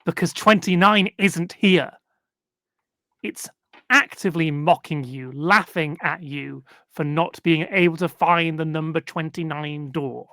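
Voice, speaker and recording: A game master narrating a tabletop role-playing game in slow, deliberate bursts with frequent pauses and fillers. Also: medium pitch, bright, forceful tone, no echo, clean studio sound.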